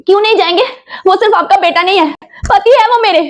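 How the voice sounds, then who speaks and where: A woman's voice: extremely high pitch, fast. A young woman playing a wronged daughter-in-law who pleads with and stands up to her in-laws. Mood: upset pleading. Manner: pleading, defiant. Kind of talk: family skit acting.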